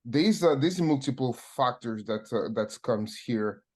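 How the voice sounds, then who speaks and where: A man with a French accent, a supply chain consultant speaking as a webinar guest, measured and halting with many fillers. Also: medium pitch, animated. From France.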